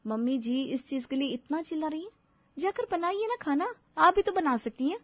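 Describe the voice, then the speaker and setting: A woman's voice: high-pitched, lively intonation, moderate pace, no room sound, pitched above the performer's own voice. Woman playing a bratty spoiled young bride. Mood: dismissive. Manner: bratty, dismissive whining. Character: lazy spoiled young bride, rude and dismissive. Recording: dull lo-fi dry recording.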